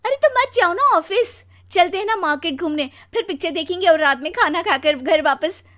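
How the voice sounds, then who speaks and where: Woman acting a high-pitched nagging young wife. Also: animated, normal speed, a bit bright. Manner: whiny, pleading, scolding. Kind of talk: Hindi cartoon story dialogue.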